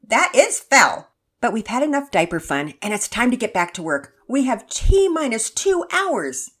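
A woman voicing a brisk, cheerful mother in a read-aloud children's story, with a bright, bossy, playful delivery. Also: a little high, very animated, voice pushed up. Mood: teasing. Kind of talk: storybook character voice.

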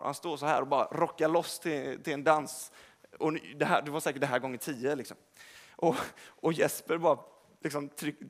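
A man's voice: fairly high pitch, creaky, a bit bright. A young man giving a casual, rambling sermon in a church, speaking directly to the congregation and correcting himself as he goes. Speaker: preacher. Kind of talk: informal sermon. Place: church service hall.

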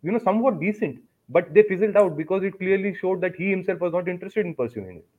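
A man's voice: high-pitched, expressive, fast, phone-quality sound. A man with an Indian accent giving emphatic, explanatory commentary in a casual political discussion on a podcast.

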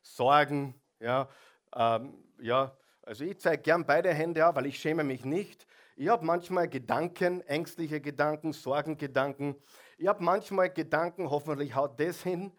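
A man's voice: fairly high pitch, measured pace. A man preaching a sermon, emphatic and putting questions straight to the congregation. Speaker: pastor.

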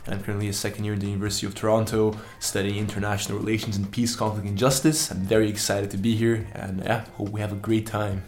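Flat, brisk nineteen-year-old Brazilian man. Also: lowish voice. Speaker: student panelist. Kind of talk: self-introduction. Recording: off-mic, faint noise.

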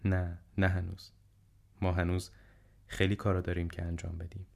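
A man reading an audiobook, voicing a frail, dying old man who speaks softly, slowly and wisely. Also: deep voice, completely flat delivery, gravelly. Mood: gently wry. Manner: soft, slow, subdued speech.

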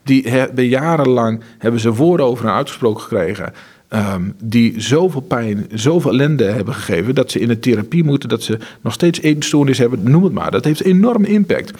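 A man's voice: medium pitch, expressive, fairly quick, darkish tone, slightly rough. A man, director of a charity, talking in an interview with earnest, faith-driven stories and many restarts. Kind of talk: conversational interview.

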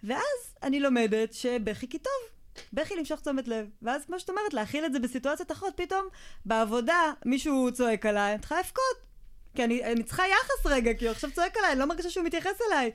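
A woman co-hosting a relaxed podcast chat. Her voice sits a little high, and she works through each point with personal stories and worked examples. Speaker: podcast co-host. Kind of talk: casual chat.

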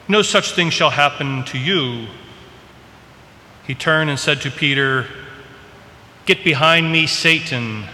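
Bright-voiced priest in long cathedral echo. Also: male voice, a little high, slight background noise. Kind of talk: Gospel reading and homily at Mass. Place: large reverberant church.

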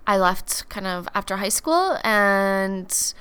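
A woman from Canada in her thirties, answering interview questions in a thoughtful, measured way. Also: mid-range voice, animated, pushed and bright, clear, resonant tone. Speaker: podcast guest.

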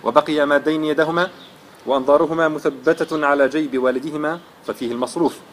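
A man's voice: fairly high pitch, fairly even intonation, fast, slight background noise. A man giving a religious lesson, telling a moral story in an earnest, dramatic way. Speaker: religious lecturer.

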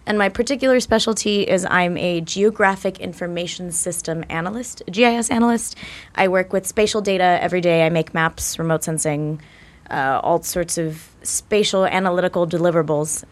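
A woman's voice: on the low side, steady tone, normal speed. A woman guest on a podcast, a stand-up comedian chatting casually with many "uh" fillers and easy laughter. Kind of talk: casual chat.

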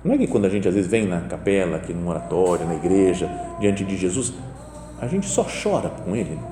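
A man's voice: deep voice, big pitch swings, fairly quick, music in the background. A man with a Brazilian Portuguese accent giving a chatty homily in a chapel, often asking his listeners "né?". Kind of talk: conversational homily. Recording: echoey, reverberant chapel with faint ambience.

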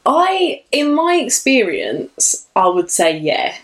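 A woman's voice: a little high, huge pitch swings, slow pace. A young woman, chatting candidly about dating as a podcast co-host, full of "like" fillers. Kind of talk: casual chat about dating.

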